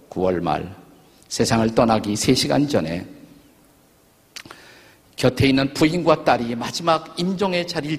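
Gravelly older pastor preaching in an echoing hall. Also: male voice, medium pitch. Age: 60s. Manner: earnest storytelling preacher. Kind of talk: sermon. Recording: long reverb of a large church hall.

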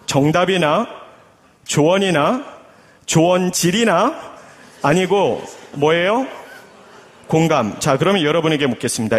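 A male pastor preaches to his congregation in an animated, questioning way. His voice sits high and swings widely from phrase to phrase. Long reverb from the church sanctuary trails behind him. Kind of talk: sermon.

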